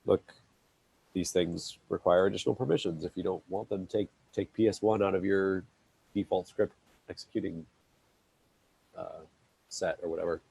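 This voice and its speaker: A man's voice: low voice, normal speed, creaky, long pauses, mellow, breathy edge. A man on an online meeting call talking through a technical problem, hesitant and wry, with many restarts. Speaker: maintainer on open project call. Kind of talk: casual technical meeting talk.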